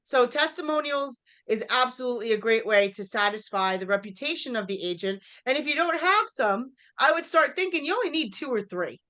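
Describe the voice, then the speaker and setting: A woman with a fairly high voice leads a live real estate training session. She addresses the room directly, tosses questions to her listeners and acts out quick exchanges with clients. Her delivery is energetic and conversational. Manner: energetic, talks straight to the audience, quizzes them. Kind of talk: live workshop teaching.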